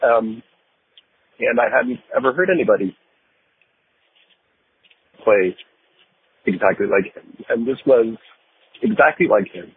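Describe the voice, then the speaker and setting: Deep-voiced man leaving a voicemail. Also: breathy edge. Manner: hesitant, many ums and uhs. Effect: leaving a voicemail over the phone. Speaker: caller. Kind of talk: recorded voicemail story. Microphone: phone. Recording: tinny phone line with faint noise.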